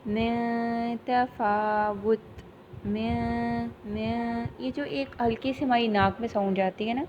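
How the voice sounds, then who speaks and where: Woman teacher drilling Quran syllables slowly. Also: on the high side, muffled recording, a little hiss or hum. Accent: Pakistani Urdu. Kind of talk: tajweed lesson with slow recitation.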